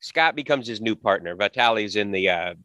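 A man's voice: fairly low pitch, animated, a little fast, pushed and bright, dry recording, muffled recording. Agreeable man in a dry chat. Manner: agreeable, chimes in, tells anecdotes. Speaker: podcast co-host. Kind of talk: casual movie review chat.

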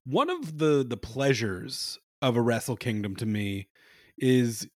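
A man's voice: mid-range voice, very animated, a little slow, darkish tone, no echo. Man telling stories with dry humor. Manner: storytelling, self-deprecating, laughs between lines. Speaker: podcast co-host. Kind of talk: casual chat.

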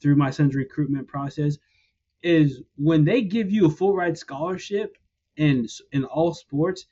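Opinionated podcast host, lo-fi sound. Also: male voice, a little high, measured pace, mellow, a little hiss or hum. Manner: opinionated, explains step by step. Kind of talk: casual chat.

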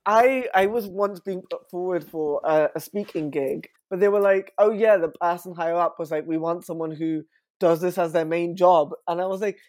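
A young man from West London, chatting as an interview guest with frequent fillers and an animated manner. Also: high-pitched, normal speed, no room sound. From West London, England. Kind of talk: casual interview talk.

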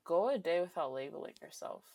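A teenage girl with a low, husky-toned voice talks earnestly as an interview guest. She tells stories from her life and acts out what friends said to her. Her speech is casual and heartfelt. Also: a little fast, no room sound. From Rhode Island, USA. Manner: earnest, storytelling, quotes friends in lively voices.

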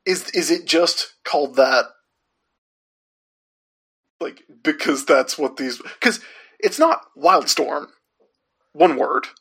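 A man's voice: a little high, lively intonation, takes it slowly, long pauses, a bit bright, husky. A man with a Southern accent, co-hosting a casual comic book podcast chat, laid-back, laughing often and swearing casually. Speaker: podcast co-host.

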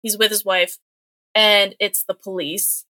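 Young woman on a podcast, super bright voice, chatty and full of "like"s, dry close sound. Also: medium pitch, level tone, no echo. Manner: chatty, filler-heavy retelling with quick acted-out quotes. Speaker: podcast co-host. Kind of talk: casual chat recapping a comic book.

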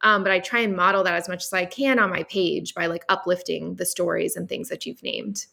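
A woman's voice: on the low side, fairly even intonation, fairly quick, creaky, sharp tone. A woman speaking as a guest in a casual conversation, reflective and heavy on fillers like "um" and "like".

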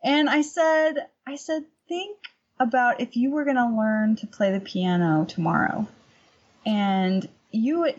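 A middle-aged woman who teaches painting chats casually as an interview guest, telling anecdotes in an animated, emphatic way. Her mid-range voice is slightly rough, and the highs are cut off.

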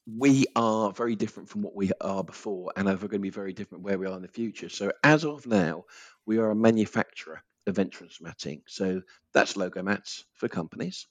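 A man's voice: lowish voice, no room sound. A man with an Essex accent chatting informally as a guest in a conversational interview. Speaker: podcast guest, business owner.

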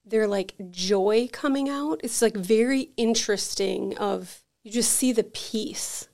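Speaking slowly in a slightly high voice, this podcast guest runs an energy healing center and shares lively stories in a relaxed, conversational way. Her chatter is peppered with "like."

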